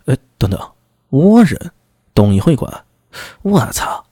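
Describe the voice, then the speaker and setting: A man's voice: fairly low pitch, very animated, a little slow, dark tone, breathy edge, dry recording, studio quality, exaggerated voice. A man playing a wry young constable captain.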